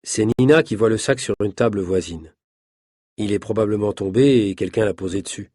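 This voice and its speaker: Husky male audiobook narrator. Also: on the low side, brisk, a little mellow, no echo, clean studio sound. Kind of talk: scripted narration of a French learner story.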